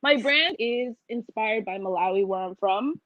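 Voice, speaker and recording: A woman's voice: a little high, moderate pace, dry recording, dull audio. A young woman from Washington, D.C., a designer chatting casually and laughing as an interview guest.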